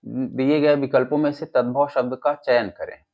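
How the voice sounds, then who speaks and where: A man's voice: mid-range voice, fairly even intonation, moderate pace. A male teacher with an Uttar Pradesh Hindi accent, reading quiz questions and their options, then giving the answers and explaining them. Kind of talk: exam-prep lesson, reading quiz options. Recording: dull lo-fi audio.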